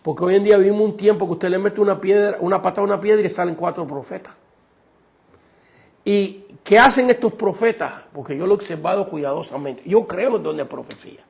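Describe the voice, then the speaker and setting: A man's voice: sits high, a little fast, vocal fry. A male pastor preaching a sermon, emphatic and firing rhetorical questions at the congregation.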